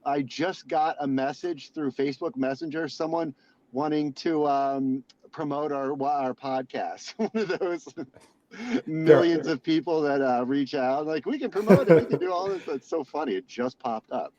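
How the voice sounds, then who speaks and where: A man's voice: a little high, fairly even intonation, a little slow, darkish tone, lo-fi sound. A man co-hosting a podcast from his car over a phone, casual and hesitant, laughing often. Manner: laughs easily, hesitant fillers. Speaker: podcast co-host. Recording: phone in a car, faint noise.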